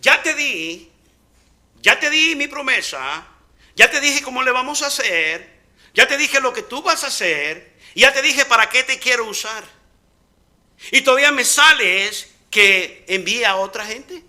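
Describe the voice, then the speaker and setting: A man's voice: very high voice, lively intonation, measured pace, sharp tone, heavily acted. A man playing a stern, exasperated God. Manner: scolding, insistent.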